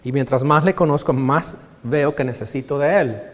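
A male pastor preaching a sermon with passion, swinging from hushed lines to loud exclamations. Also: medium pitch, normal speed. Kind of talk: Spanish-language sermon. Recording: long reverb of a large hall.

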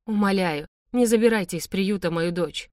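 A woman's voice: mid-range voice, normal speed, a little mellow, no room sound, clean studio sound, close to an everyday voice. A woman voicing a desperate man who sobs, whispers and begs tearfully. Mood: pleading. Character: desperate middle-aged man, sobbing and pleading.

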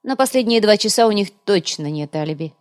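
A woman's voice: mid-range voice, expressive, a little fast, close to an everyday voice. A woman voicing a sly, greedy male trader who talks in an ingratiating, chatty way for an audiobook.

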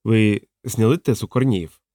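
A man reading an audiobook, voicing a thin, stern official who speaks quietly and threateningly. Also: fairly high pitch, very animated, very fast, no room sound, studio quality. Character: thin, stern male official, coldly menacing. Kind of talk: audiobook character voice.

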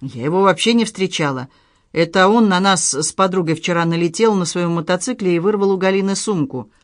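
A woman's voice: lowish voice, fairly quick, no echo, clean studio sound, close to an everyday voice. A reader voicing a sardonic, easily irritated middle-aged woman in an audiobook. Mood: defensive. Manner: indignant, sardonic.

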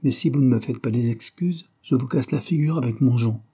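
A man voicing a haughty, furious middle-aged gentleman who threatens with contempt. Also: mid-range voice, moderate pace, husky. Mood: threatening.

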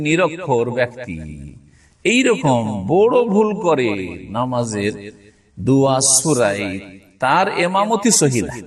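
Male religious teacher, fairly high voice, lecturing and quizzing his class, recorded from a distance. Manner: explains slowly, checks understanding with frequent rhetorical questions; recites Arabic passages with careful pronunciation. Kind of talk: classroom lecture on Islamic law.

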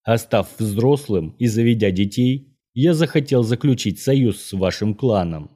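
A man voicing an old Norwegian mage, courteous and menacing, who speaks in a measured, formal, lecturing way. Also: mid-range voice, lively intonation, mellow, breathy edge.

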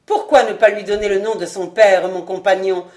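A cruel, mocking man, a former acrobat who taunts a wounded enemy with cold irony, put on by a woman reading a storybook. He speaks in a carrying, scornful voice with a steady, middle pitch. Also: measured pace, natural voice. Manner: ironic, sneering.

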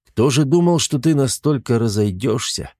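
A man voicing a graying crime boss in his fifties, speaking in a velvety, trained announcer-like voice, unhurried and quietly menacing. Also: medium pitch, animated, dry recording, studio quality, voice pushed up, close to an everyday voice. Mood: calm, knowing. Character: graying fifty-something male crime boss, calm and commanding. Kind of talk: audiobook character voice.

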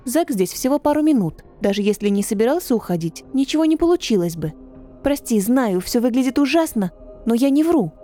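A woman's voice: on the high side, animated, brisk, mellow, faint music behind, voice pushed up, lightly acted. A woman voicing an anxious young heroine who pleads and frets. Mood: pleading. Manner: pleading, flustered.

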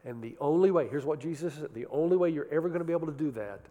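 Preacher man, passionate sermon, voice a touch high, ringing through a large hall. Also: lively intonation, racing. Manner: impassioned, swings from loud emphasis to quiet intensity. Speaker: pastor.

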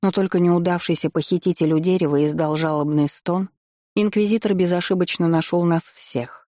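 A narrator reading a first-person fantasy story aloud in a wry, expressive manner with ironic asides. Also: mid-range voice, normal speed, no room sound, clean studio sound. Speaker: audiobook narrator.

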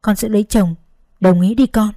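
A woman's voice: mid-range voice, steady tone, moderate pace, mellow, no room sound, studio quality, lightly acted. A woman voicing a poor, aging rural mother who pleads tenderly with her daughter in a read-aloud story. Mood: pleading.

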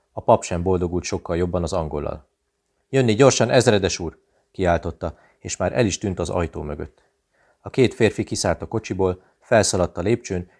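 A man with a deep, low voice reads a thriller novel aloud as an audiobook. His delivery is steady and measured, and he lifts his voice when characters shout. It suits tense, plot-driven narration.

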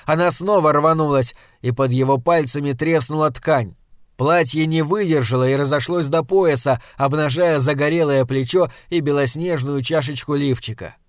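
A man narrating an audiobook in a measured, dramatic storytelling manner. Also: fairly high pitch, dry recording, studio quality. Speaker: audiobook reader. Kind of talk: scripted narration.

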